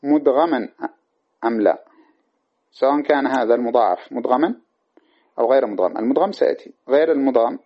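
A man teaching a lecture on classical grammar. He explains patiently, often checks in with his listeners, and recites verse lines in a measured way. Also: mid-range voice. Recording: dull lo-fi recording.

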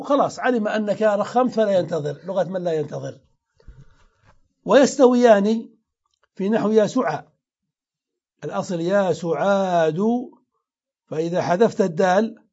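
High-voiced man teaching grammar, muffled. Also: a little mellow, husky. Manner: explains step by step, repeats example words aloud. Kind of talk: classroom grammar lesson. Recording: dull lo-fi lecture recording.

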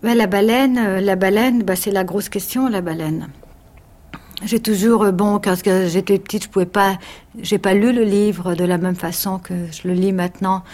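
A woman's voice: mid-range voice, fairly even intonation, normal speed, a little mellow. An actress talking about her childhood reading in an interview, reflective and hesitant, often searching for words.

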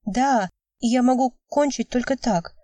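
A woman's voice: on the high side, unhurried, warm tone, dry recording, recorded from a distance, pitched above the performer's own voice, close to an everyday voice. A woman voicing a young woman who is upset and pleading with her lover, speaking emotionally. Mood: anxious earnest. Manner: emotional, cries out then pleads.

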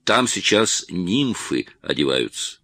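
A man's voice: low-pitched, big pitch swings, takes it slowly, pushed and bright, no room sound, studio quality, exaggerated voice. A man voicing an obsequious, servile theatre actor who ends his words with a fawning '-s'.

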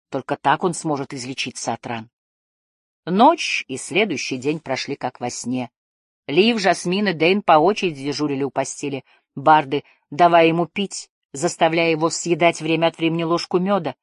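A woman narrating a children's adventure novel chapter in a measured, expressive reading. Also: low voice, no room sound, clean studio sound. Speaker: audiobook narrator. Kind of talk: scripted narration.

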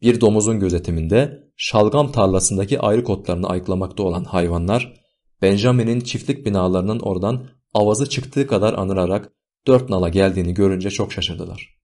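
Low-voiced man narrating an audiobook. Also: normal speed, dark tone. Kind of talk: scripted narration.

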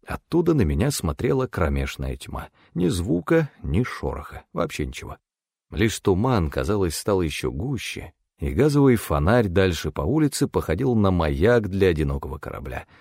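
Male audiobook narrator, expressive storytelling, lively intonation, dry close recording. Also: deep voice, moderate pace, vocal fry, breathy edge, no room sound.

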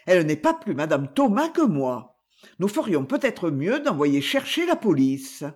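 Homme jouant une dame sévère, voix un peu voilée, intonation vive, récit enregistré. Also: male voice, high voice, wildly swooping pitch, measured pace, darkish tone, full character voice. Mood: stern. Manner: peremptory. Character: prim, commanding household lady, firm.

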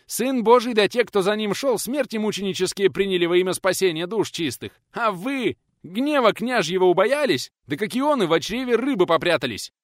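A man voicing an older retired male schoolteacher, stubborn and quick to fly into a shouting rage. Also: sing-song, no echo, clean studio sound. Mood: enraged. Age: 60s. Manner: shouting indignantly, high and strained.

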